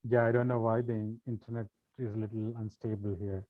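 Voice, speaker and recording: A man presenting in a webinar whose audio keeps cutting out over an unstable internet call, explaining steadily with frequent pauses. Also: on the low side, little pitch movement, no room sound. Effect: choppy audio cutting out on an unstable internet call. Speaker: real estate investment presenter. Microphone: video call. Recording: tinny, dry video-call line.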